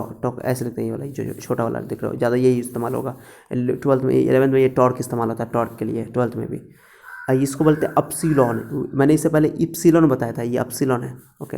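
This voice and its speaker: A man's voice: medium pitch, gravelly, a little mellow. A male teacher giving a casual lecture to students, repeating words often and speaking straight to them. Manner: repetitive, instructive, speaks directly to students.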